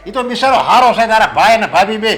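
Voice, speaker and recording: A stern father scolds his grown son in a high, lecturing voice. Faint music plays under him in this film drama. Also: fast talker, a bit bright.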